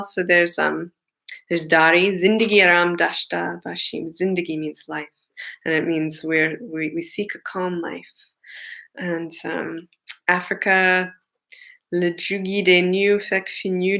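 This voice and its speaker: A singer-songwriter woman sings gently at home with her ukulele, then talks earnestly about the song. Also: lowish voice, gravelly, poor audio. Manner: gentle, earnest, many fillers when talking. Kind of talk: singing with ukulele, then casual talk. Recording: ukulele playing loudly behind her.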